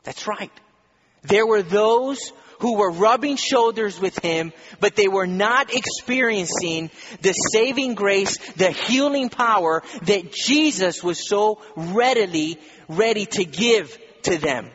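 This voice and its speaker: A man's voice: high voice, lively intonation, takes it slowly, fairly bright tone, lo-fi sound. A man preaching a sermon, building his points with rhetorical questions and repeated phrases.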